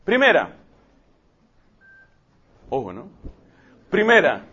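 A man preaching a sermon, telling a story emphatically and rushing through asides. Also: on the high side, huge pitch swings, pushed and bright, husky. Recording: dull lo-fi recording.

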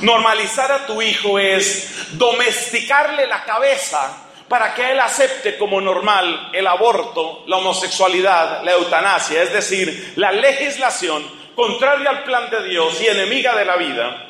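A man's voice: high voice, lively intonation, a little slow, bright, forceful tone. A man preaching a sermon in an impassioned, sarcastic and rhetorical way, recorded in an echoing hall.

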